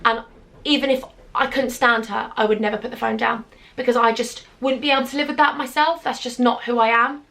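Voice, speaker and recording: On her vlog, a young woman from Britain shares a personal storytime in a confiding, chatty way, adding sarcastic asides. Her British English voice is a little high and bright, with vocal fry and a forceful tone; she's a YouTuber.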